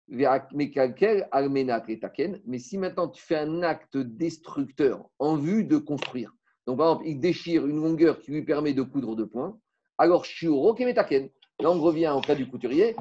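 A man's voice: a little high, a little mellow, husky, muffled recording. A man teaching a Talmud class in casual French, explaining step by step, asking rhetorical questions and mixing in Hebrew terms.

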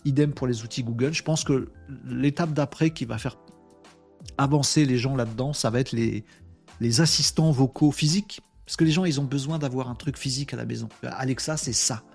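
A man's voice: mid-range voice, a little fast, creaky, faint music behind. A man hosting a casual live webinar, telling anecdotes with playful sound effects and reading out viewer comments. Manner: lively, animated storytelling with sound effects like "bim"; reads viewer comments aloud. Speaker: host of a daily live webinar. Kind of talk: casual live-stream chat.

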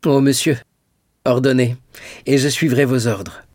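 A man's voice: medium pitch, animated, fairly quick, husky, no echo, studio quality. A man voicing an earnest young male prisoner who pleads with eager, raised speech. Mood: grateful.

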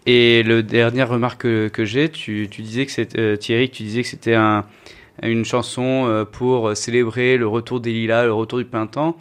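A man's voice: mid-range voice, flat delivery, normal speed, clear, resonant tone. A man reviewing a song on a radio show, hesitant and full of fillers.

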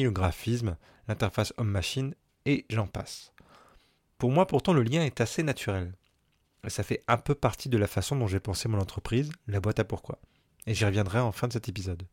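A man's voice: lowish voice, a little mellow, no echo, studio quality. A man with a bad cold and a congested, nasal, duck-like voice, hosting a solo podcast in an explanatory way. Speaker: podcast host and business coach.

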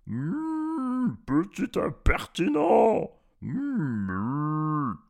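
A man doing a slow mooing cow. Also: fairly high pitch, wildly swooping pitch, creaky, darkish tone, pitched above the performer's own voice, full character voice. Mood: indignant. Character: hungry lowing female cow.

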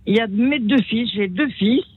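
A woman's voice: on the high side, normal speed, breathy edge, no echo. An elderly woman, telling personal stories in a rambling, exclamatory, joyful way as a phone-in caller. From France. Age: elderly, great-grandmother. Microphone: telephone. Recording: dull band-limited phone call on radio.

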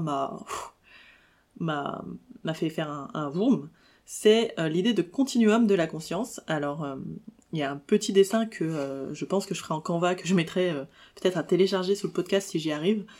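A woman's voice: fairly low pitch, mellow. A young woman with a French accent hosts a solo podcast in an easy, unscripted way. She hesitates often, fills gaps and corrects herself mid-phrase. Her tone is self-deprecating and chatty. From France. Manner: laughs between lines, self-deprecating. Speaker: podcast host. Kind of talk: casual solo podcast monologue.

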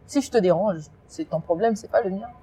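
A woman from France being interviewed, talking in an emphatic, animated way with many restarts. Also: medium pitch, a little fast, husky, soft background music. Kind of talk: casual interview.

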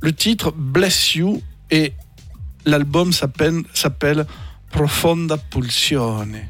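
Male radio DJ, keen, stumbling over fillers, slightly higher voice, faint music bed. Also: takes it slowly, a bit bright. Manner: enthusiastic, hesitant with fillers. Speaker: guest DJ presenting tracks. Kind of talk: radio show chat.

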